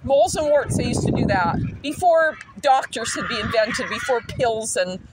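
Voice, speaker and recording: Sixties woman, rambling and giggly, high voice, outdoor noise in the recording. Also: lively intonation, normal speed. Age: 60s. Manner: rambling, laughs often, chats to her dogs. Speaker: vlogger talking to children. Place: outdoors with dogs.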